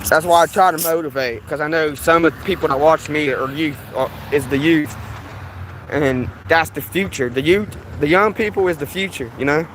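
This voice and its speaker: A man's voice: fairly high pitch, normal speed, a bit bright, a little hiss or hum, rough recording. A man vlogging outdoors on a hot day, sweating and talking in a casual, repetitive ramble full of restarts. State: sweating in the heat. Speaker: vlogger filming police in his town.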